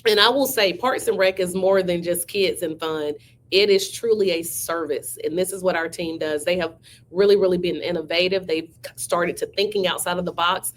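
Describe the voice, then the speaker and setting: A woman's voice: fairly low pitch, moderate pace, slight background noise. A woman, a county manager who is under the weather, giving effusive casual praise to her team. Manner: warm, effusive praise with frequent "y'all".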